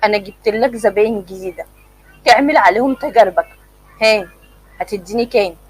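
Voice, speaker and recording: A woman voicing a male thug who speaks low and threatening. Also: fairly quick, husky, natural voice, low-quality recording. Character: man, thug who hands people over for money.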